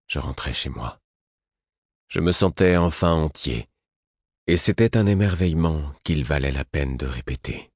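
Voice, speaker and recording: Deep low guy reading a story, slow and intimate, dry close sound. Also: no echo. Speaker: audiobook narrator. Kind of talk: scripted narration.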